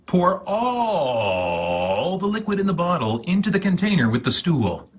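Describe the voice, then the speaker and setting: Exaggerated enunciation marks this host's deliberate, theatrical reading of step-by-step instructions. The man's husky, breathy voice is high and swings widely in pitch.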